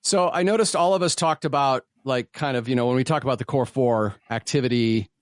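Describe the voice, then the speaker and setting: A man's voice: medium pitch, brisk, dry recording, clean studio sound. A man hosting a podcast, guiding a casual chat in a thoughtful way and asking his co-hosts questions. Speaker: podcast host.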